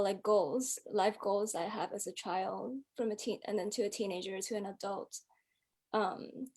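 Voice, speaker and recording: A woman's voice: mid-range voice, darkish tone. A woman from Hong Kong, a guest musician in an interview, speaking reflectively and filling her talk with "um" and "like". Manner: reflective, many fillers, hedging "like" and "um".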